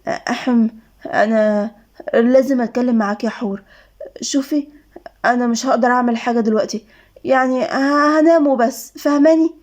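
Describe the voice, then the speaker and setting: A woman's voice: on the high side, rapid-fire, darkish tone, natural voice. A woman with an Egyptian accent voicing a nervous, awkward young groom in a storybook reading, hesitant and embarrassed. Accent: Egyptian Arabic.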